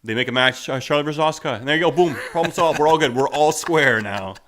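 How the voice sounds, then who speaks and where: Bright-voiced sarcastic man in casual talk. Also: a little high, fast. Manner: sarcastic, acts out quotes. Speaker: podcast co-host. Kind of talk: casual wrestling chat.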